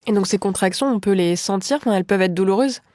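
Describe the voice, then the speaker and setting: A woman hosting a podcast, asking a guest measured questions. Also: medium pitch, dark tone, dry recording, studio quality. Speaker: podcast host.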